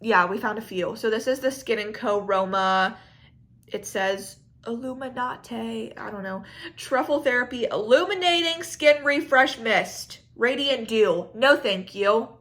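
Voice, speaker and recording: Bright-voiced woman chatting about makeup empties. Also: fairly high pitch, measured pace. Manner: rambling, frank, lots of "like" and "I don't know". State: pregnant. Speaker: beauty vlogger. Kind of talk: casual chatty product review.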